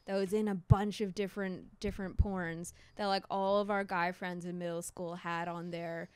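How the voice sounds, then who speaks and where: A young woman co-hosting a casual podcast chat, laughing often and jumping into high voices when she quotes people. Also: flat delivery, normal speed, a little mellow, clean tone. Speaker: podcast co-host.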